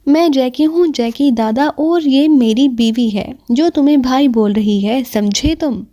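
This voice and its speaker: A woman's voice: sits high, dark tone, muffled recording, close to an everyday voice. Woman voicing Jackie Dada, a bullying male thug. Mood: threatening. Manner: gruff, threatening, bullying. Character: menacing male street thug, hot-tempered and boastful.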